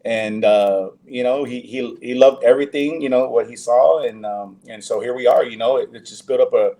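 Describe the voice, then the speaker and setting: A man's voice: medium pitch, moderate pace, dark tone. A man, an actor guest in a casual interview, talking loosely with many fillers and restarts.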